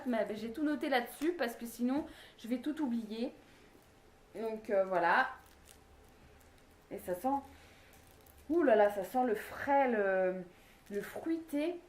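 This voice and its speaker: A woman's voice: mid-range voice, a little mellow. A woman vlogger casually reviewing bath products, talking hesitantly with many fillers. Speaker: beauty vlogger. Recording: echoey room.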